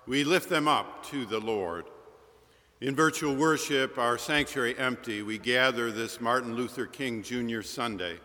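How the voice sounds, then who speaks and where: A man, a minister, leading a formal liturgy in a solemn, measured way, his voice carrying a cathedral echo from an empty church nave. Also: medium pitch, bright, forceful tone. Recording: long hall reverb in empty church.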